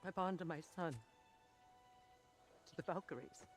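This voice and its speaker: An actress playing a grim, resolute warrior woman in a game cutscene, speaking with bitter, measured hardness. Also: on the low side, soft background music, lightly acted.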